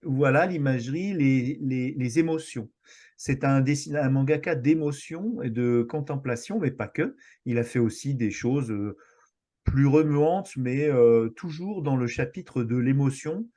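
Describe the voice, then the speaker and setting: A man's voice: mid-range voice, unhurried, dark tone. A man from France, a guest on a podcast, talking enthusiastically but hesitantly, with many fillers and restarts. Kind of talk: casual podcast chat.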